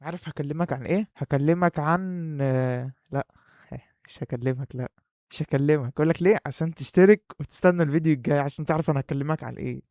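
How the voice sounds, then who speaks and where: A man's voice: fairly high pitch, fast talker, dark tone, no room sound. A young man with an Egyptian accent, talking casually and playfully straight to the viewer in a vlog, his voice muffled by a face mask he is wearing. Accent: Egyptian Arabic. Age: young adult. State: muffled, breathing hard through a face mask. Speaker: YouTuber. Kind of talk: casual vlog talk to camera.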